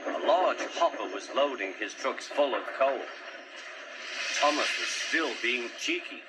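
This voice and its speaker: A man narrating a children's storybook in a slow, lively storyteller's reading. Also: medium pitch, noisy background. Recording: music playing behind.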